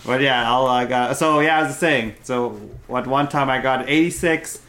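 A man's voice: medium pitch, normal speed, bright, forceful tone. A young man guesting on a podcast, telling self-mocking stories with frequent laughs. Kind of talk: casual comedic chat.

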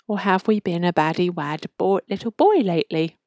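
A woman's voice: on the low side, moderate pace, darkish tone, no room sound, clean studio sound, lightly acted. A woman voicing a menacing fake Santa. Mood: mock kind. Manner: mock-kind turning to growling threats. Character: gruff menacing man playing Santa.

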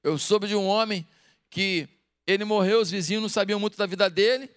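Very high-voiced Brazilian preacher. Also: male voice, a little fast, a bit bright, clean tone, no room sound, clean studio sound. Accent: Brazilian Portuguese. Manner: emphatic, fires off rhetorical questions. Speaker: pastor. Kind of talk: sermon.

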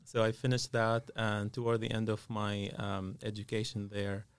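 A man's voice: on the low side, little pitch movement, moderate pace, clear, resonant tone, dry recording. A man, a dentist talking as a guest in a podcast studio, hesitant and full of fillers. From Syria. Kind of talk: casual interview.

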